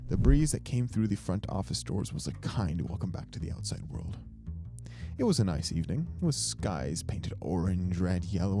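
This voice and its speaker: A man reads first-person fiction from a script as an amateur audiobook narrator, taking a wry, world-weary approach. His voice is fairly low, creaky and dark in tone, with instrumental music playing behind the narration.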